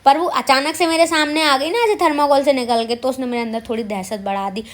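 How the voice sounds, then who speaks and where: A woman's voice: high voice, brisk. A woman vlogger narrating her day in a chatty, self-mocking voice-over, speaking straight to her viewers. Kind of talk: casual vlog voice-over.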